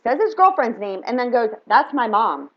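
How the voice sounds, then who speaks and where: A woman's voice: fairly high pitch, sing-song, normal speed. Fired-up woman telling a story, lo-fi. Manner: fired up, emphatic, reenacts dialogue. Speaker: spiritual reader and vlogger. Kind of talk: heated personal storytelling. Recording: dull lo-fi sound.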